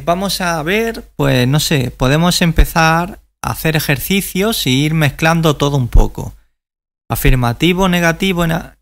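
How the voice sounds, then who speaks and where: A man teaching English grammar in a recorded video lesson, explaining slowly and carefully with frequent fillers, a native Spanish speaker. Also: a little high.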